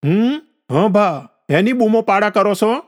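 A man voicing an eight-year-old village boy who answers in a slow rustic drawl. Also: sits high, lively intonation, pitched above the performer's own voice. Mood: whiny.

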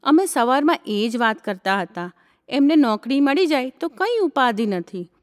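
A woman reading aloud in the voice of a nagging middle-aged mother in a story, sharp and scolding. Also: high-pitched, big pitch swings, normal speed, in a large hall. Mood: pleased.

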